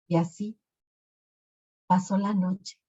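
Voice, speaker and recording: Woman storyteller, unhurried and expressive, dull lo-fi sound. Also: mid-range voice, slightly rough. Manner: slow, expressive. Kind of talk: storytelling narration. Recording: lo-fi recording.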